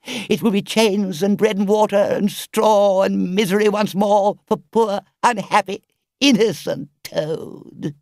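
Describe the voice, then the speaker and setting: A man's voice: sits high, lively intonation, normal speed, no echo, studio quality, pitched above the performer's own voice. A man voicing a boastful, self-pitying male toad who pleads theatrically in a storybook reading. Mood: pleading.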